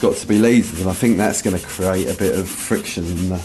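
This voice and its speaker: Male cadet, deep thoughtful interview, noisy background. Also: a little fast. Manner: reflective, thoughtful. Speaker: officer cadet. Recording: background noise.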